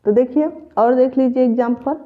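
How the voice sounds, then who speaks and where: A woman's voice: high voice, steady tone, brisk. A woman teaching a grammar lesson for exam preparation, patiently repeating each example step by step. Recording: tinny phone-like audio.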